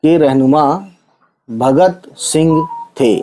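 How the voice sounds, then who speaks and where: A man's voice: a little high, mellow, a little hiss or hum, low-quality recording. A man teaching Urdu letters to Hindi speakers, spelling out words sound by sound and often checking that his viewers follow. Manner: slow, patient letter-by-letter reading with frequent checks.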